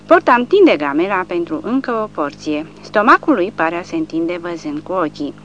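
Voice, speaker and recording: A woman narrating an audiobook of a war novel in a steady storytelling way. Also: fairly low pitch. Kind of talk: reading a war novel aloud. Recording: dull lo-fi with faint hum.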